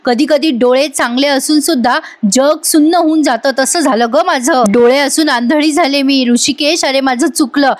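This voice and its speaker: A woman's voice: high voice, normal speed, few pauses, close to an everyday voice. A woman reading a stern, remorseful older mother-in-law. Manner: scolding, emotional retelling.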